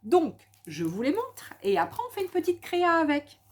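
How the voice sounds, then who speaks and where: A French crafting vlogger chats casually at home about craft supplies she bought, her extremely high, creaky voice sing-song at a normal speed. The haul talk is enthusiastic and full of little hesitations and repeats.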